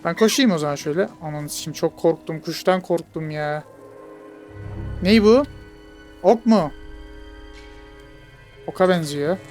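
A man giving casual let's play commentary, jokey and excitable, bantering with game characters. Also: a little high, measured pace, pauses often, soft background music. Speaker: gamer.

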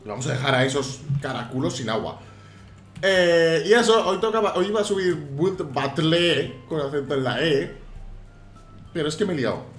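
A man giving casual let's-play commentary, animated and prone to shouted exclamations. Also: a little high, a little fast. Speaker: gaming YouTuber. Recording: roomy sound with faint game music.

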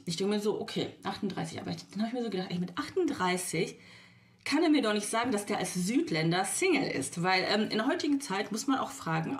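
Indignant woman telling a storytime vlog. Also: medium pitch. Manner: lively retelling, quotes text chats back and forth; indignant, exasperated asides, sometimes drops to a whisper. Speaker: vlogger. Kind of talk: casual storytime chat to viewers.

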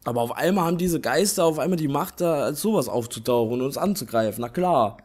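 A man's voice: fairly high pitch, lively intonation, fast talker, darkish tone. A man hosting a let's play, giving casual, colloquial gameplay commentary with grumbling reactions. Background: game music.

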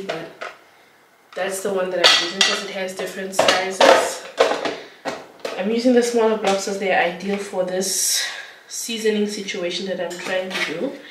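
Heavy background noise surrounds this young woman's medium-pitched voice as she rambles through a home cooking vlog, filling her casual chatter with filler words. She's a vlogger in her home kitchen, captured by a far-off camera mic in an echoey room full of kitchen clatter.

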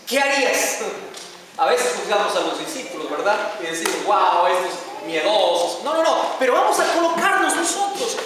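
A man's voice: very high voice, big pitch swings, a little fast, bright, forceful tone, slight background noise. A male pastor preaching a sermon, putting rhetorical questions to his congregation and stretching out key phrases for emphasis. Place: large church sanctuary. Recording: very echoey church hall, distant mic.

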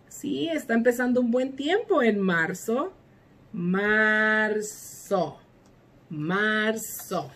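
A woman teaching a bilingual lesson to young children, counting and naming months in a slow, sing-song way with lively exclamations. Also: on the high side.

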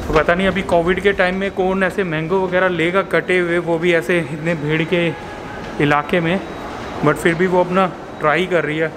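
An Indian man in his thirties talks chattily to a camera held at arm's length, his voice sitting fairly high. Clear traffic and street noise run behind him out in the city. He mixes English phrases into an easy travel-vlog ramble. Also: little pitch movement, moderate pace. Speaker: travel vlogger. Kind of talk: casual vlog narration to camera. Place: busy city street and subway station outdoors. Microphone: handheld camera at arm's length.

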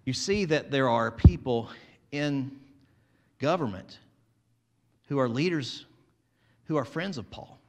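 A man preaching an animated sermon as pastor, swinging from loud to quiet and acting out crowd voices. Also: mid-range voice, slow, pauses often.

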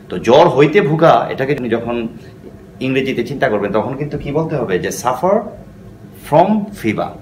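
A man's voice: fairly low pitch, slight background noise. Man teaching English, echoey room. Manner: explains patiently, keeps checking with "okay?"; mixes English phrases into his talk. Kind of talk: explanatory language lesson.

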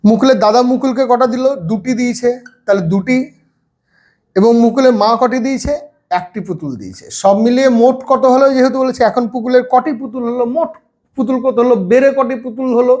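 A man's voice: very high voice, fast, a little mellow. A man, teaching first-grade maths in a casual video lesson, patient and step by step with everyday examples. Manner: clears throat now and then.

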